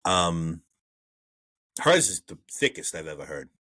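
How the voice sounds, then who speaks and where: Deep-voiced and very animated, this Brooklyn-accented man co-hosts a movie review podcast, swearing freely as he discusses an old film and reads out trivia. He speaks unhurriedly in a pushed, bright tone, recorded with no room sound.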